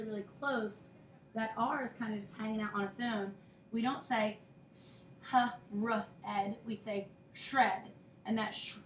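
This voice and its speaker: A woman's voice: medium pitch, far from the mic, a little hiss or hum. A woman teaching a recorded phonics lesson, patiently explaining step by step and sounding out letter sounds. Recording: echoey room, voice a bit off-mic.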